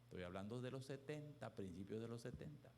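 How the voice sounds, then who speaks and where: A man preaching a sermon as pastor, telling stories with emphatic swings between hushed and loud delivery. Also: mid-range voice, animated, brisk, a little hiss or hum.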